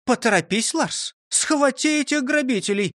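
High and chirpy, this is a fussy old schoolteacher lady, as a man puts her on. Her voice leaps up on every exclamation, bright and lively, and she talks like a storybook character in a dry, close sound. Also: normal speed, dry recording. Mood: delighted. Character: elderly fussy schoolteacher woman, cheerful.

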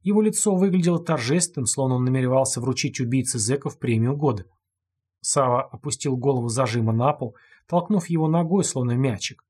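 Husky man reading a dark audiobook. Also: medium pitch, a little fast. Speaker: narrator. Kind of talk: audiobook narration.

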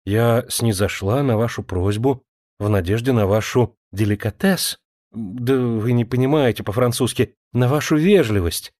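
A man reading an audiobook voices a proud, sharp-tongued young noblewoman, speaking in a cool, indignant way. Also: mid-range voice, normal speed, no room sound, studio quality, natural voice. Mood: cold.

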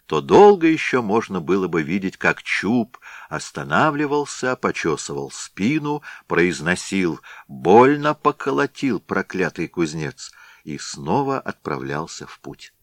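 Low-voiced man narrating a tale. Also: sing-song, unhurried, dry recording, clean studio sound. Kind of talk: audiobook narration.

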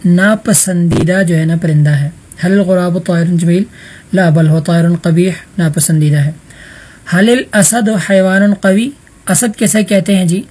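A man leads an online Arabic vocabulary class in a husky, slightly breathy voice. His tone is mellow and warm, and he patiently quizzes students one by one. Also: sits high, steady tone. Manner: patient, calls on students by roll number. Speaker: teacher.

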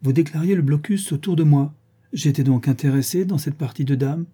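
A man's voice: on the high side, brisk, dark tone, breathy edge, voice pushed up. A man voicing a teasing, witty noble lady. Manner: playful, mock-solemn, commanding. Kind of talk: audiobook character reading.

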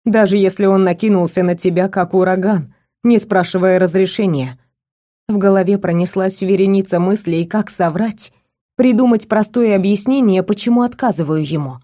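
A woman reading a first-person romance story aloud with measured, intimate storytelling. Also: mid-range voice, dark tone. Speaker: narrator.

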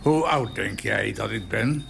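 An old man putting on a boastful loud ninety-one-year-old. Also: lowish voice, animated, a little slow, creaky, a little hiss or hum, heavily acted. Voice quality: loud, attention-seeking.

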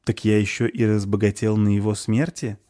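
An impulsive young man, weighed down by guilt and speaking in an agitated way, as a man reads him. The voice stays close to the reader's own, warm and low in a dry space. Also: little pitch movement, normal speed, lightly acted. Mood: troubled. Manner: agitated, remorseful.

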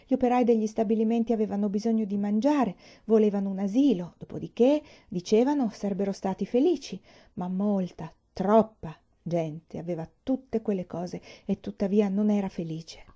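A woman's voice: medium pitch, normal speed, warm tone, close to an everyday voice. Woman voicing a bewildered, earnest young man. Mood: pensive. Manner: pensive, pleading. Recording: dull lo-fi recording.

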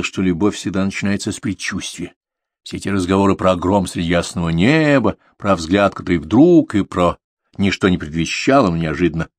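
A man's voice: low voice, no room sound, clean studio sound. A man narrating a confessional story in an intimate way, speaking to his son. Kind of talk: audiobook reading of a confessional novel.

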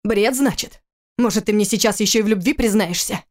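A woman reads an audiobook character, voicing a cold, furious adult husband in a harsh, clipped, contemptuous manner. Her voice is medium in pitch, a little fast, and darkish in tone, with a light touch of acting.

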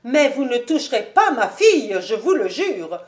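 A woman's voice: medium pitch, expressive, moderate pace, a little mellow, close to an everyday voice. A woman reading a storybook aloud and voicing a bold, fierce old mother-in-law with a defiant, cool-headed manner.

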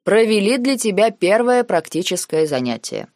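A woman reading the lines of a cold, calculating noble uncle in an audiobook, measured and sarcastic. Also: medium pitch, sing-song, a little mellow, dry recording, clean studio sound, voice pushed up, natural voice. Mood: cold, lecturing. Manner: measured, lazy, coldly sarcastic.

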